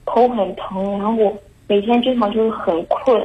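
A young woman calls a talk show to make a confession, speaking haltingly and anxiously and restarting her sentences over and over. Her mid-range voice stays flat and even, and the audio is dull and lo-fi like a phone line.

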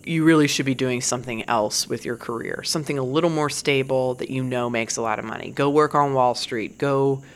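A woman's voice: extremely low pitch, brisk, few pauses. A woman comedian in her forties, talking in a candid, profane casual monologue and laughing now and then. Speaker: stand-up comedian.

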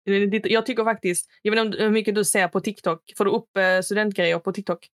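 A woman's voice: medium pitch, fairly even intonation, no echo, clean studio sound. A young woman, a podcast co-host animatedly retelling a story, acting out quotes in a raised voice and slipping into English phrases. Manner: mixes English phrases into speech. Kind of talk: casual chat, storytelling.

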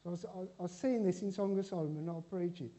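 A man delivers a loose, conversational sermon, joking with the congregation and stumbling through restarts. His voice sits a little high for a man but sounds mellow and warm. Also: racing. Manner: chatty and joking, with frequent restarts. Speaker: preacher. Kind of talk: informal church sermon.

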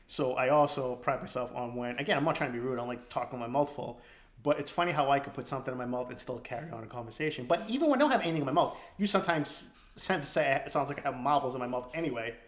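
A man hosting a podcast in casual chat, rambling and laughing often. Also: mid-range voice. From East Boston. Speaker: podcast host. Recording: roomy echo.

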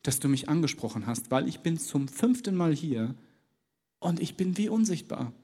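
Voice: mid-range voice, lively intonation, moderate pace, dark tone, slightly rough. A preacher quoting a shy, grateful church newcomer.

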